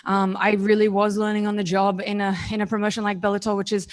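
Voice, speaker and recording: A woman's voice: medium pitch, completely flat delivery, fast. A woman in her twenties with an Australian accent, a professional fighter giving candid, confident, casual answers in a post-fight interview. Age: 20s.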